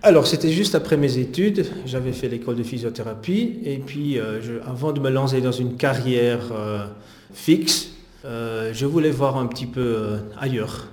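This Dutch physiotherapist, middle-aged and hesitant, answers interview questions about his past at a normal speed. He has a medium-pitched, somewhat dark tone, recorded in a roomy space.

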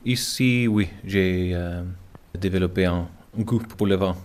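Gibraltarian man, very low voice, careful halting French with a Spanish lilt, interviewed at home. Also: darkish tone. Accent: Gibraltarian, Spanish-tinged French. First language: English. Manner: halting, searching for words, many restarts. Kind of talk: interview answers in a second language.

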